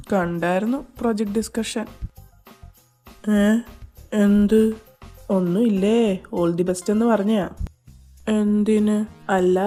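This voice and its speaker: A woman's voice: mid-range voice, dark tone. A woman reading a fan fiction audio drama, playing every role in teasing, bantering dialogue.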